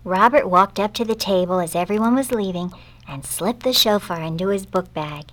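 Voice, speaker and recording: A woman reads a children's story aloud in an expressive, gentle voice. Her voice sits at a middle pitch. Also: moderate pace.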